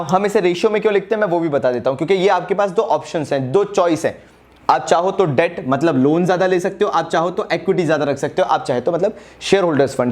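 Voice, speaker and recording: A man teaching a fast exam-revision lesson in a brisk, direct way, urging students to write quickly and slipping English terms into casual speech. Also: a little high, darkish tone. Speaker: commerce teacher.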